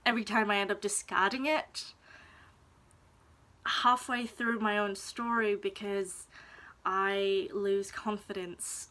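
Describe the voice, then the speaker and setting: A young woman from Denmark, talking in a personal vlog, hesitant and reflective, pausing often to search for words. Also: medium pitch, sharp tone. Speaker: vlogger. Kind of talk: personal confessional vlog talk.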